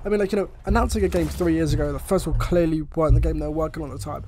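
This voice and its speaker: A young gaming YouTuber with a cold and a slightly chesty voice rants over gameplay footage, exasperated, swearing often, and rambling. His voice is a little high and mellow, with fairly even intonation, and he talks very fast.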